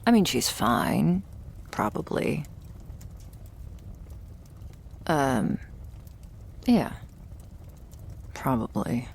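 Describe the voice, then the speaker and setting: In a vampire ASMR roleplay, a woman voices a young thrall who is wry and guarded, her gravelly voice often drifting toward a whisper as she muses in a dry, hesitant way. Her delivery is rumbling and low, sing-song and exaggerated, extremely slow, with frequent pauses. The mood comes across as blunt and uneasy.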